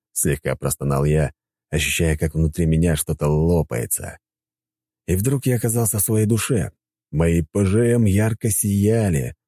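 A man's voice: sits low, mellow, no echo. A man narrating a fantasy audiobook in the first person, with wry, ironic asides.

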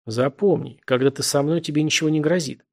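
A man's voice: a little high, brisk, a little mellow. A man voicing a boastful, self-assured young man in a read-aloud story, close to his own voice. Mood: reassuring.

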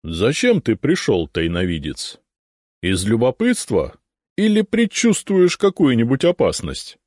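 A man voicing the quiet, gently amused middle head of an ancient three-headed dragon guardian. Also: medium pitch, huge pitch swings, unhurried, no room sound, clean studio sound, pitched above the performer's own voice. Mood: calm. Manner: quiet, soft, mildly amused.

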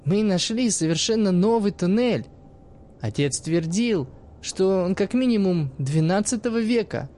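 A man voicing a cheeky, quick-tempered young woman who mocks and swears freely in a raised, high-pitched voice. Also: lively intonation, dark tone. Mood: cocky. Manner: cocky, mocking, swears freely.

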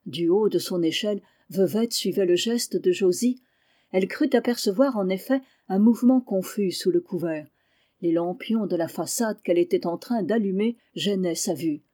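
A woman reading a novel aloud in measured, expressive narration. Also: medium pitch. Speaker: audiobook reader.

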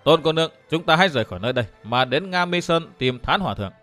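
A man's voice: on the high side, rapid-fire, faint music behind. A man voicing an easygoing young swordsman. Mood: gentle teasing. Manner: calm, good-humoured, chuckling.

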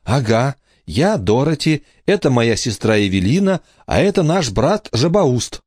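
A stubborn little girl pleads with her siblings in a high, insistent voice, as a man reads her out. The audiobook recording is dry and close, and the pitch swoops widely. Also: sing-song, measured pace, darkish tone, slightly rough, dry recording. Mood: urgent. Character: young girl, youngest sister, stubborn and pleading.

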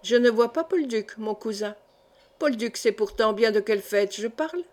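A woman's voice: a little high, moderate pace, darkish tone, lightly acted. A woman reading the part of an old, feverishly exalted count in an audiobook, with an emphatic, proud delivery. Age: older.

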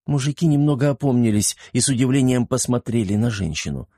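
A man narrating a fantasy audiobook in a brisk, vivid storytelling manner. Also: medium pitch, expressive, warm tone, no echo, studio quality.

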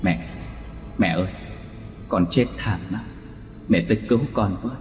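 A man's voice: sits low, normal speed, a little mellow, roomy sound, big-room sound, faint music behind, natural voice. A man voicing the mournful ghost of a dead son, wailing and pleading.

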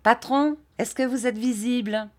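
A woman reads the part of a police inspector announcing a visitor to his boss. He speaks respectfully and plainly, at an unhurried pace. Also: fairly high pitch, fairly even intonation, a little mellow, no echo, voice pushed up, close to an everyday voice. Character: deferential police inspector, adult man.

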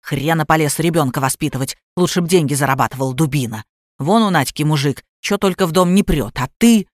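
A crude, heavyset grandmother with a voice pushed down low and rough, barking orders and insults, as a woman reader puts her on. She is bossy and loud, with no patience for anyone. A dry, close storybook reading. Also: a little fast, no echo, lightly acted. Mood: shouting. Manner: coarse, bossy, yelling.

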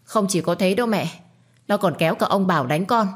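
A woman voicing a spiteful, bratty young woman in a storybook reading, with a shrill, taunting, whiny delivery. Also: fairly quick, husky, lightly acted. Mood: whining.

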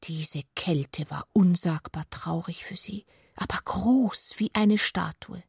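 As narrator of a radio literary adaptation, a woman reads literary prose from a script with intimate, expressive, deliberate phrasing. Her voice is on the low side and breathy, often falling to a whisper. It's recorded on a close studio mic, dry and echo-free, at studio quality.

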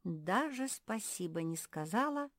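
A woman's voice: medium pitch, lively intonation, measured pace, dry recording, studio quality, voice pushed up, close to an everyday voice. A woman voicing an eager, easily offended young female cat in a children's audiobook.

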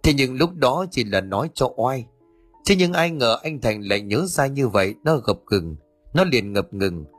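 A man narrating an audiobook story in a steady, even way. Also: medium pitch, normal speed, dry recording, faint music behind.

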